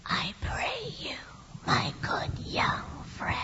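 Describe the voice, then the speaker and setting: An actor playing an ancient vampire count who speaks in a smooth, courteous, domineering whisper, in a radio drama. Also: very slow. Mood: commanding. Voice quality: whispered, breathy delivery. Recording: dull lo-fi audio.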